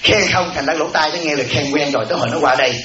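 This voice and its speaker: A Buddhist monk, the abbot of a temple, giving a dharma talk in a folksy way, acting out everyday voices and often asking "right?". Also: male voice, fairly high pitch, very fast, a loud crowd. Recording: echoey lo-fi hall recording with audience.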